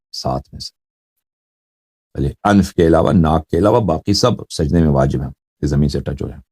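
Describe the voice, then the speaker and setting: Deep-voiced man teaching a religious text. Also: darkish tone, husky. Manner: reads Arabic then explains in Urdu, checks with "ٹھیک ہے نا". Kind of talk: explaining a hadith text line by line.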